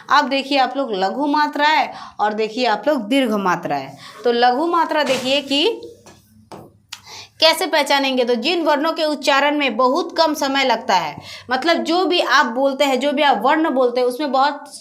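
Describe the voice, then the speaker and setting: A woman with a high, light voice explains grammar rules step by step like a classroom teacher. She keeps repeating key terms and asking the listeners questions that she answers herself. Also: fairly bright tone. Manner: repetitive, asks and answers own questions. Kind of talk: classroom-style explanation over slides.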